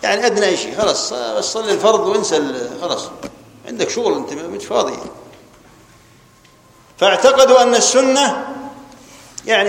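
Levantine guy teaching a religious class, high voice, stern, repeats stuff, big echoey hall. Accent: Levantine Arabic. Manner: stern, scolds students, repeats definitions. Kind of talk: lecture on Islamic jurisprudence. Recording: echoey hall with long reverb.

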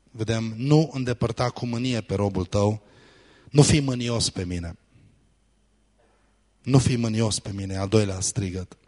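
A man's voice: fairly low pitch, darkish tone. A man preaching a sermon as pastor, reading scripture verses and acting out pleading prayers.

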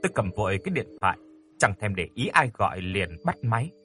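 A man narrating a first-person ghost story in an expressive, dramatic way. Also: fairly low pitch, fast talker, soft background music.

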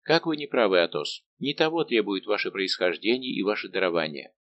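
Jovial veteran musketeer captain, teasing and persuasive, lively swooping delivery, read by a male narrator. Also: fairly low pitch, brisk, dull audio. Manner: warm, bantering and persuasive.

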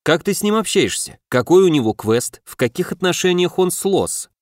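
A man voicing a wary, brisk young brother. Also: high voice, sing-song, no room sound, studio quality, voice pushed up. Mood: questioning. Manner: brisk, cautious, questioning. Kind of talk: audiobook character voice.

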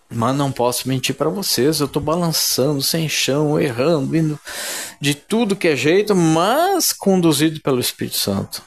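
Guy preaching with lots of fervor, keeps calling out to the brothers, a bit high. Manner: fervent, emphatic, calls listeners "brothers". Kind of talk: sermon.

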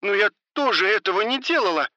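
Man doing a frightened woman, high and lively, bright, pleading, audiobook voice. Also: moderate pace, dry recording, dull audio, full character voice. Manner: scared, pleading. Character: frightened woman drug courier.

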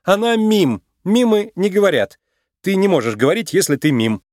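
Guy doing a nervous fox con man, high, fast, jumpy, dry close mic, storybook. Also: very animated, a little mellow, no room sound. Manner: nervous, rushed pleading. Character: sly male fox con artist, nervous and fast-talking. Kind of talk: storybook reading.

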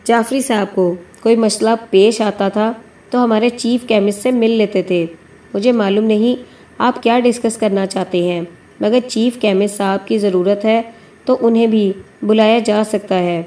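A woman reading a courteous, wary retired army officer in a mellow audiobook read. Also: medium pitch, fairly even intonation, lightly acted. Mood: guarded. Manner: courteous and guarded. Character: retired army major, polite and cautious company officer.

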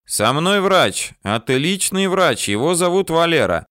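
A man voicing a steady male surveyor who speaks slowly and calmly under threat. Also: on the high side, dry recording, clean studio sound, pitched above the performer's own voice. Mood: coaxing. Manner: slow, coaxing, calm.

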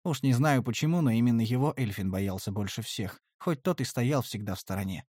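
A man's voice: medium pitch, brisk, darkish tone, husky, no echo, clean studio sound. A man narrating a first-person fantasy audiobook in a wry, conversational way.

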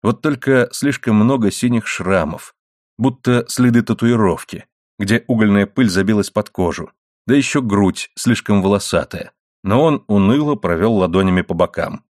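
A man reading a novel aloud in a steady, even storytelling manner. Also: lowish voice, moderate pace, no room sound, studio quality. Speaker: audiobook narrator. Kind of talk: scripted novel narration.

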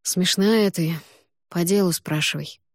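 A woman voicing a guarded young man with a foreign accent, who speaks in short, quiet, terse phrases. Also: lowish voice, measured pace, no room sound, studio quality. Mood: curt. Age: young adult.

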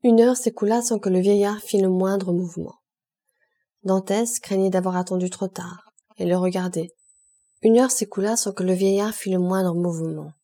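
Mellow-voiced woman reading a classic novel. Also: mid-range voice. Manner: measured literary reading. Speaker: audiobook reader. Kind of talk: scripted narration.

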